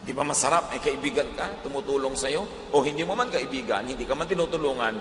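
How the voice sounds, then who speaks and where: A man preaching a sermon as pastor, animated, slipping English phrases into his talk. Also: mid-range voice, fast. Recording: echoey hall with faint noise.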